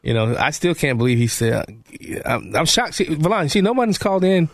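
A man hosting live talk radio from a studio, bantering and debating in an animated, conversational way. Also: fairly high pitch, fairly quick, no echo. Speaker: radio talk show host.

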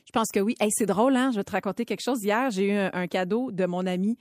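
A woman's voice: mid-range voice, fast talker, no echo. A Québécoise woman in her thirties, co-hosting a radio show in casual chat, laughing often as she tells stories. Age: 30s. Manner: laughs often, animated storyteller. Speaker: radio co-host.

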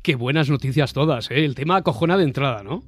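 A man hosts a discussion podcast in a Castilian Spanish accent, presenting from a script in an articulate radio-presenter style. His mid-range voice is husky and quick, there's no echo, and a faint music bed sits in the background.

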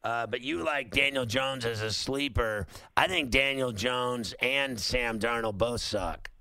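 Male sports talk host: brash, teasing, bright forceful voice, crisp and clear. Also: medium pitch, unhurried, no echo. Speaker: sports radio call-in host. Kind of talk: casual fantasy football sports talk.

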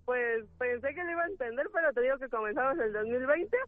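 A woman's voice: high voice, fast talker, no echo. A woman calling in to a radio show over the phone, chatting and complaining in an exasperated way. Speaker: caller. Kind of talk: casual call-in complaint. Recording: thin tinny phone line.

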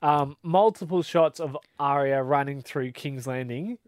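A man's voice: a little high, measured pace, no room sound. Guy with a slightly raised voice, dry wit, dry close recording. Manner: wry, deadpan jokes. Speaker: podcast co-host. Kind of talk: casual chat.

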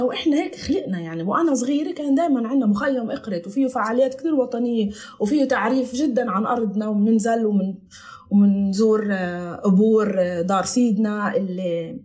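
A Palestinian woman from the Galilee chats casually as a podcast guest, slipping English and Italian words into her accented Arabic. Her voice is a little high and dark in tone, and she talks fast.

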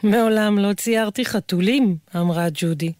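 A woman's voice: mid-range voice, a little mellow, no echo. Woman reading a story in a dry room. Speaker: co-reader. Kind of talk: reading a children's book aloud.

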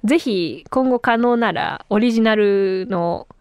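A woman in her thirties hosting a casual solo podcast, chatty and animated, her voice a little tired from talking a lot. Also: medium pitch, measured pace, smooth, no echo, studio quality. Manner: chatty and animated, with frequent laughs. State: tired voice from talking too much. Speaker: radio and podcast host.

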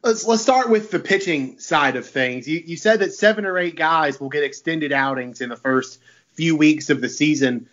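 A man's voice: a little high, normal speed, a bit bright, dull audio. A man working as a sports reporter, asking long, carefully worded interview questions.

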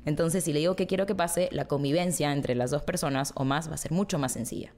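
A woman psychologist calmly explaining ideas in an interview, often checking in with a question tag. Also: deep voice, fast.

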